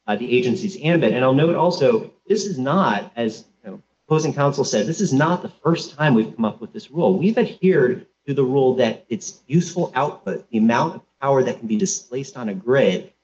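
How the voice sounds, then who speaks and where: A man's voice: medium pitch, moderate pace, darkish tone, lo-fi sound. A man arguing his agency's case before judges, precise and formal, citing sources with care. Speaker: agency lawyer arguing in court. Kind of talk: appellate oral argument. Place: courtroom.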